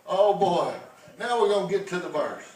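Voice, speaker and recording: High-voiced preacher in an echoey church. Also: male voice, lively intonation, moderate pace. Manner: rising to fervent shouting, drawled uh fillers. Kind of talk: sermon. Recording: echoey room heard from a distance.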